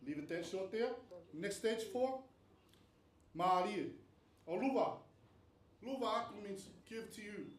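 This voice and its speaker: Here a man who grew up in Tonga lectures on research stages at an academic panel, his high voice carrying lively intonation at a measured pace with frequent pauses. He sounds earnest and explanatory, often asking rhetorical questions, captured by a distant mic in a roomy venue room with faint noise.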